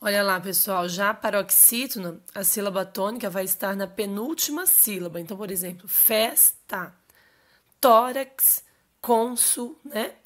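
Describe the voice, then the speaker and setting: In a recorded online grammar lesson, a Portuguese teacher explains rules to her students in a mid-range, fairly bright voice, speaking a little fast with few pauses. She checks in constantly with short questions like "ok?" and "certo?".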